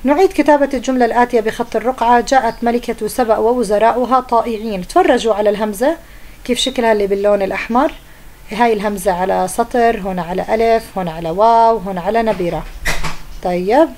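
A woman's voice: on the high side, quick pace, a little mellow. A young woman teacher, patiently explaining a grammar lesson to pupils and often checking that they follow.

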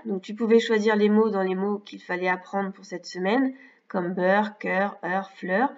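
A woman's voice: medium pitch, a little mellow. French schoolteacher woman, patient step-by-step correction, dull distant recording. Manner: slow, careful, explains step by step. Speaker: primary school teacher. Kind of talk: correcting exercises for young pupils. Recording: distant, slightly dull mic.

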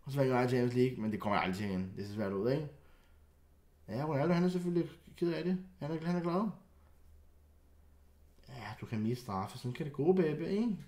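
A young man giving casual, excitable commentary while reacting to football clips, often stammering and restarting, loud outbursts dropping to low muttering. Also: pauses often, reverberant.

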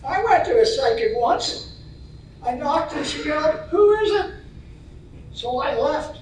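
An older woman playing a joking married man at a bar in an amateur stage comedy skit, delivering one-liners slowly. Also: sits high. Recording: echoey hall, far-off mic, faint noise.

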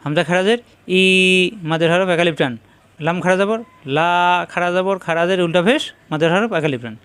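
A man teaching Quran reading, spelling Arabic words out syllable by syllable and slowly repeating each sound with patient drilling. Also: high-pitched, a bit bright, smooth, no echo.

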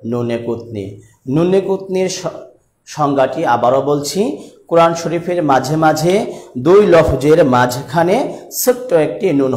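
A man from Bangladesh teaching a Quran reading lesson online. He spells out each letter and vowel mark slowly and then chants the joined words. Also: on the high side. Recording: echoey room.

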